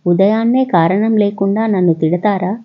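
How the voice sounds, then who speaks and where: A woman's voice: mid-range voice, moderate pace, dull audio, lightly acted. A woman voicing a playful, clingy young wife.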